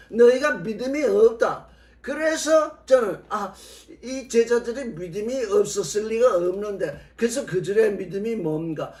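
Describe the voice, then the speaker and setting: 높은 음성의 남자 성경 교사가 설교한다. 오래된 녹음을 복원한 소리라 먼 거리에서 울리듯 들린다. 구절을 낭독하고 질문을 되풀이하며 해설한다. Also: male voice, sits high, darkish tone. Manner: reads verses aloud and explains them with rhetorical questions. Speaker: Bible teacher. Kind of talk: sermon. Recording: old restored recording, roomy and from a distance.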